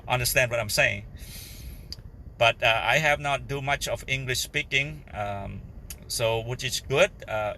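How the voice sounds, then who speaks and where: A man with a Cambodian Khmer accent, a native Khmer speaker, giving informal Bible teaching in halting English as he searches for words. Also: medium pitch, vocal fry, pushed and bright, a little hiss or hum. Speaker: lay preacher.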